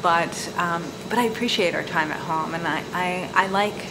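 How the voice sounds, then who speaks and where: A woman's voice: fairly low pitch, moderate pace, background noise. A young woman from Canada hosting a casual vlog, chatty and prone to repeating words as she thinks. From Canada (Montreal). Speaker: host. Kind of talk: casual talking-to-camera vlog.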